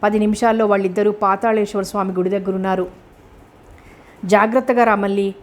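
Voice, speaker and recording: A woman's voice: medium pitch, darkish tone. Woman narrating a suspense audiobook.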